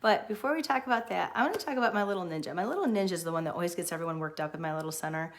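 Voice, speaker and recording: A middle-aged woman who runs a daycare, chatting casually and excitedly on a livestream. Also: lowish voice, rapid-fire. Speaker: daycare owner.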